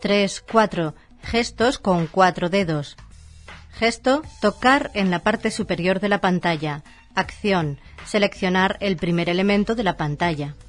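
A woman's voice: medium pitch, a little slow, faint music behind. A woman narrating a scripted instruction manual formally, reading it out in short labelled items.

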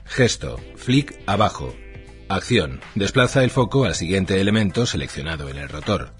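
A man's voice: low voice, expressive, moderate pace, soft background music. A man reading a scripted instructional manual in a formal way, item by item in short labelled phrases.

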